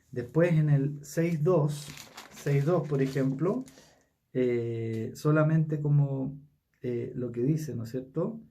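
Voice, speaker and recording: A man with a Chilean Spanish accent leading a casual Bible study, talking haltingly with many fillers and tag questions. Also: fairly high pitch, mellow, recorded from a distance.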